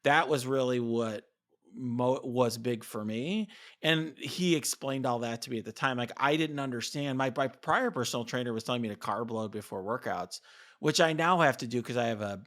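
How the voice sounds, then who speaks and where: A man's voice: medium pitch, moderate pace, a bit bright. Male co-host, conversational, slightly breathless, rambling with frequent restarts. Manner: chatty, lots of fillers and restarts. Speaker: podcast co-host. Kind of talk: casual conversation.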